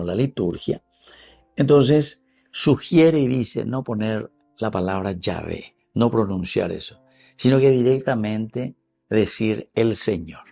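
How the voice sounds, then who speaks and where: A man with a Paraguayan Spanish accent giving a teaching Bible reflection, explaining slowly, repeating key words and addressing his listeners as dear friends. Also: fairly low pitch, vocal fry, warm tone, breathy edge. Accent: Paraguayan Spanish, mixing in Guarani.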